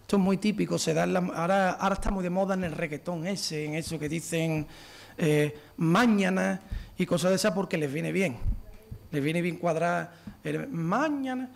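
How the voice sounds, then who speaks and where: A man giving a lively lecture to an audience, counting out rhythms and beating time aloud as he explains. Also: high voice, normal speed, vocal fry. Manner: animated, counts out rhythms and taps beats aloud.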